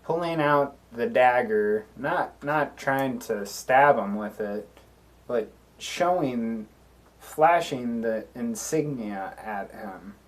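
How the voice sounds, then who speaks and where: A man streaming a solo tabletop game, talking things through at an unhurried, drawn-out pace. He hesitates often and restarts his sentences as he works out his next move, and his voice sits at an ordinary middle pitch. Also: animated. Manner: hesitant, full of fillers and restarts, deliberating. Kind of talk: thinking aloud while playing a solo tabletop game.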